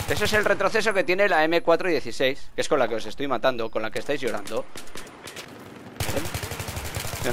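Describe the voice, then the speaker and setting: A man giving mocking, excitable gameplay commentary, repeating words quickly when excited. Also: mid-range voice, background noise. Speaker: gaming video host. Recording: game gunfire behind voice. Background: shooter game gunfire.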